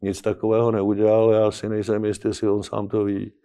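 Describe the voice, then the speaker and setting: A man commenting as a guest in a political discussion, speaking in an earnest, persuasive and measured way. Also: lowish voice, completely flat delivery, mellow, clear, resonant tone.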